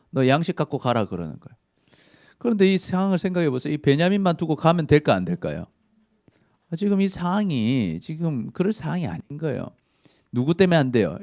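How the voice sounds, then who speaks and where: A middle-aged man gives a sermon to a youth group, with a voice that rises and falls in a lively way. He speaks at an average pitch for a man. He keeps asking the listeners questions and then answering them, like someone telling a story. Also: no echo, clean studio sound. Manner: retells the story in a conversational way. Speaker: youth pastor.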